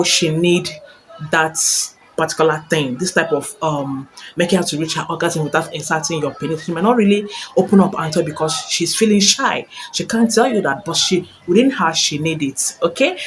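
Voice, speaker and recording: A woman's voice: low-pitched, a little hiss or hum, low-quality recording. A woman giving casual step-by-step relationship advice to her viewers, repeating herself often and ending points with a questioning "okay?". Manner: repeats phrases, tags lines with "okay?". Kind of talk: casual instructional talk to camera.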